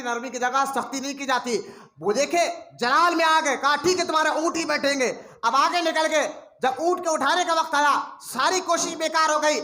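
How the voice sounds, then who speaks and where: A male preacher with a very high, bright and forceful voice delivers an impassioned sermon. He tells stories, rising to shouted emphasis and calling out to the crowd. The sound carries the echo of a large gathering's speakers. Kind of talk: sermon storytelling. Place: religious gathering hall.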